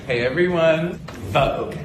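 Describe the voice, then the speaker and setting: A man playing a bubbly, flamboyant young male intern in a comedy sketch, loud and gushing. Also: on the high side, takes it slowly, background noise. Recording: loud music behind.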